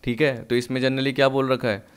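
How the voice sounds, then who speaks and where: Man, teacher, recorded lesson, clear resonant voice, step-by-step explaining. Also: mid-range voice, little pitch movement. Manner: explains step by step, reads English textbook lines slowly.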